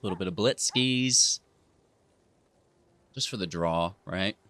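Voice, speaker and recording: A man's voice: deep voice, a little slow, pushed and bright. A man giving casual, playful commentary over his own card game, teasing his opponent as he plays. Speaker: gaming video host.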